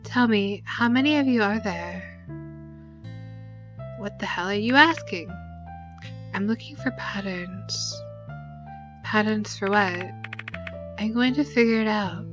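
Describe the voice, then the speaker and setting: A woman playing a calm, curious girl in a game, asking one measured question after another in an even mid-range voice, with game music clearly audible in the background. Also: mid-range voice, lo-fi sound. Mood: inquisitive. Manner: measured, inquisitive.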